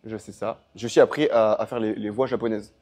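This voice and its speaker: Fast-talking young man, gym vlog. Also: lowish voice, fairly even intonation, darkish tone. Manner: chatty, rambling, self-correcting. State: tired after a long training session. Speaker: powerlifting vlogger. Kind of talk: casual gym vlog chat.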